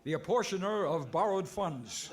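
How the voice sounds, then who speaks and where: A man's voice: high voice, expressive, moderate pace. An actor playing an exasperated, broke masked cowboy lawman in a theatrical old-time radio comedy. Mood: relieved. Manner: flustered, theatrical comic delivery. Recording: noisy live convention stage recording.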